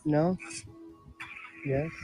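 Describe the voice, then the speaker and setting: High-pitched man questioning spirits. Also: steady tone, drawn-out words, music in the background, low-quality recording. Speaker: paranormal investigator.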